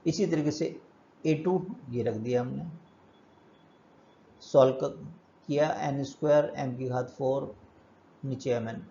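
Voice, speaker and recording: A man's voice: mid-range voice, takes it slowly, gravelly, long pauses, warm tone, lo-fi sound, a little hiss or hum. A male physics teacher giving a step-by-step lecture, asking and answering his own questions as he works through problems. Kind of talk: classroom lecture.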